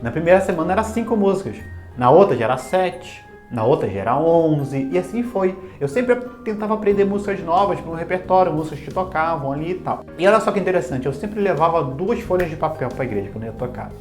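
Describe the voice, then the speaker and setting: Um homem, professor de música, contando de forma descontraída e bem-humorada uma história pessoal, zombando de si mesmo. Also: male voice, on the high side, quick pace. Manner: animated, self-mocking and humorous. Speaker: music teacher. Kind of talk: casual personal storytelling. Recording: echoey room with faint music.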